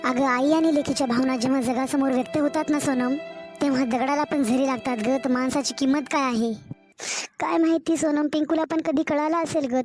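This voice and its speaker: A woman's voice: high voice, a little mellow, close to an everyday voice. Woman doing a tender cartoon grandmother. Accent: Marathwada Marathi. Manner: tender, pleading, slow and heartfelt. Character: kind, caring older grandmother, gently reproachful.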